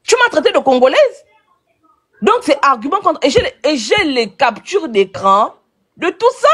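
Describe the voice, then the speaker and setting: A woman's voice: high voice, big pitch swings, moderate pace, fairly bright tone. A woman in a heated online rant, hurling insults and repeating her accusations. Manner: insulting, combative, repetitive name-calling. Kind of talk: angry live-video rant.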